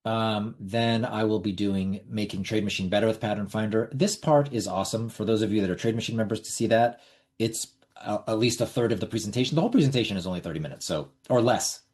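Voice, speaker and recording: A middle-aged man with a low, mellow voice hosts a casual online webinar into a computer mic. He talks bluntly, repeats words as he goes, and swears now and then. His delivery stays loose and conversational. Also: quick pace. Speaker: webinar host.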